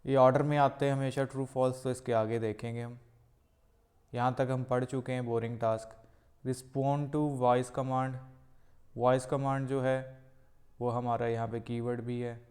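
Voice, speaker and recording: A man teaching a test-prep lesson, explaining step by step in Hindi mixed with English and reading English phrases out slowly. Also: medium pitch, level tone, darkish tone. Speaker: IELTS tutor.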